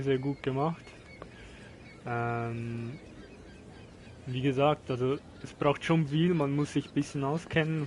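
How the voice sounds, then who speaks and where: A man casually commenting on his own game stream, halting as he thinks aloud. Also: mid-range voice, darkish tone. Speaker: live streamer playing a golf game. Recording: noisy stream with game ambience behind.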